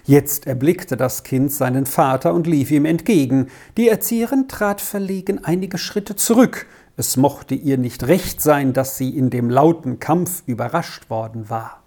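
Woman storybook narrator: low-ish, mellow, expressive and lively. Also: unhurried, few pauses. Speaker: audiobook narrator. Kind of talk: scripted narration.

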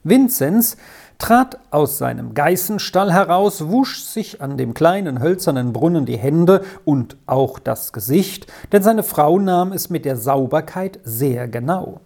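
A woman reads a storybook aloud in a calm, measured way. Her voice sits low and mellow, and she takes her time. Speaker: narrator. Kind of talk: storybook reading.

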